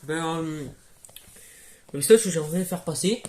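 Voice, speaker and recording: A young man voicing a baker with Tourette's in an amateur comedy sketch, breaking off into sudden shouted tics and laughs. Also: a little high, moderate pace, close to an everyday voice. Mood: blurting.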